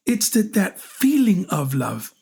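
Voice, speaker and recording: A man in his forties co-hosting a relationship podcast, talking in an animated, teasing way and often repeating his words as he starts a thought. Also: sits high, slow pace, vocal fry, breathy edge. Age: 40s. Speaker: podcast co-host. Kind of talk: casual chat.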